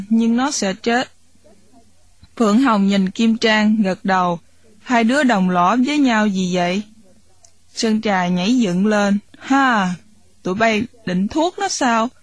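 A woman reads a novel aloud at a steady storytelling pace. Her voice is husky and breathy, in a middle pitch. The recording is dry and close, with no room sound. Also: no echo. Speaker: audiobook narrator.

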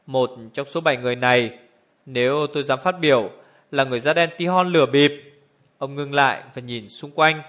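A man reading an audiobook in steady, even scripted narration, on a dull lo-fi recording. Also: mid-range voice, a little fast.

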